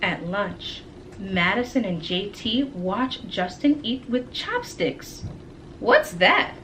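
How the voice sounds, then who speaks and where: A woman reading a storybook aloud to children like a teacher, with dramatic pauses and questions to her listeners. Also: medium pitch, lively intonation, a bit bright, a little hiss or hum, poor audio. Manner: dramatic, engaging pauses and asides.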